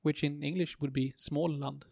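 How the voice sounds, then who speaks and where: Gravelly man, dry short interjections. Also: fairly high pitch, expressive, normal speed, darkish tone, dry recording. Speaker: podcast co-host. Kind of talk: casual tech podcast chat.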